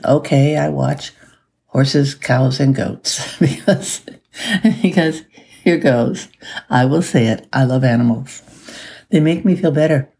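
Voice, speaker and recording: A woman who works as a life coach hosts a casual solo podcast, chatting upbeat in a groggy early-morning voice punctuated by little laughs. Her voice rumbles low, gravelly and dark.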